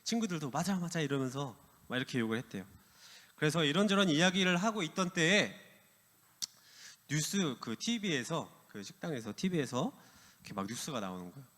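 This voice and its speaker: Animated male youth preacher. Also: fairly high pitch, fairly quick, big-room sound. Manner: animated, asks the audience questions. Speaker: youth pastor. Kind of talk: youth sermon with storytelling. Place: church worship hall.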